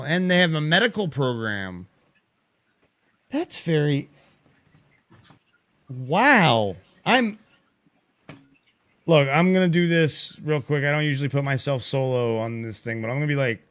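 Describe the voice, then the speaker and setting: A man co-hosting a casual podcast chat, excitable and quick to exclaim. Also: fairly high pitch. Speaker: podcast co-host.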